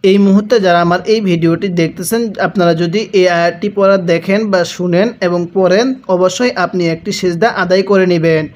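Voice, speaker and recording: A Quran reading teacher who spells out each syllable and then has listeners repeat after him, in a slow, measured lesson. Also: medium pitch, steady tone, a little mellow.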